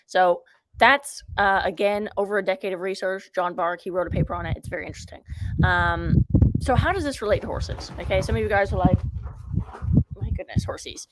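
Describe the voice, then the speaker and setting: Energetic woman coach saying "okay?" a lot. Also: medium pitch, a little fast. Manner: energetic, repeats "okay?" and urges viewers to comment. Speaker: riding coach. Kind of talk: live-streamed riding lesson talk. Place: outdoors at a ranch. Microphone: phone camera held close.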